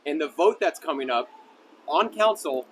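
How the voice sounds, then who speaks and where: A man's voice: fairly high pitch, expressive, normal speed, fairly bright tone, a little hiss or hum. A man, a local news reporter, asking questions in a casual, rambling way with many restarts. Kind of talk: sit-down news interview.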